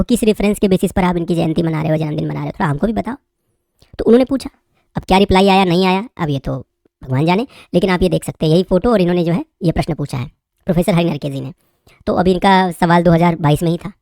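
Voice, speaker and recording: A woman's voice: on the low side, dark tone, no echo, clean studio sound. A woman commentator reading out social media posts and remarking on them in a chatty way, talking straight to her viewers. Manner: chatty, addresses viewers directly as brother.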